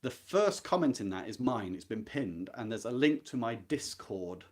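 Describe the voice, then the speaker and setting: A man hosts a book club, talking live and informally about a classic novel. His medium-pitched voice moves at a moderate pace with a sing-song lilt, and he comes across as reflective, earnest and emphatic.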